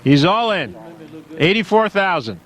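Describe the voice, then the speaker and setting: A man's voice: sits high, very animated, a little slow, fairly bright tone, a little hiss or hum. Wry poker commentator man, raised voice. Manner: wry, joking. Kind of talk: tournament commentary.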